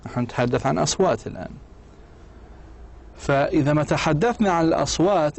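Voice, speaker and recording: A man giving a university English lecture, explaining slowly in Arabic and sounding out English example words. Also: mid-range voice, vocal fry, a little mellow, slight background noise. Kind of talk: distance-learning lecture.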